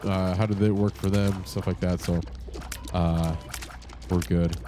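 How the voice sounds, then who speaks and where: There's noise in the background as this gaming channel host talks through his gameplay from a home setup with a monitor. He has a deep, congested voice with little pitch movement and a measured pace, and his casual rambling is packed with swearing and fillers.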